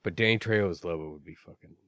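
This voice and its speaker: A man with a fairly low voice chats and teases on a podcast, cursing now and then. The sound is close and dry, with no room behind it. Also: fast, fairly bright tone, no echo. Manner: joking, teasing, swears casually. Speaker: podcast co-host. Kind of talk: casual chat.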